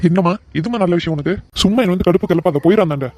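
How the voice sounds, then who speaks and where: A man plays a heartbroken young cartoon son, sulky and mournful about a lost love. The voice is dark and mellow, and the lines come out very fast. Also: sits high, no room sound. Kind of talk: cartoon voice acting.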